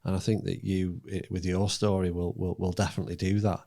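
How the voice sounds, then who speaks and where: Podcast host, male, deep mellow voice, halting questioner. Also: level tone, creaky. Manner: hesitant, repeats words while asking questions. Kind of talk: casual chat.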